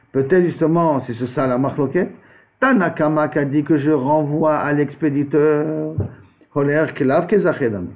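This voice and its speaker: A man teaching a Talmud lesson as a rabbi, reading Aramaic phrases and then explaining them in with frequent restarts. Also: on the high side. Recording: tinny phone-like recording.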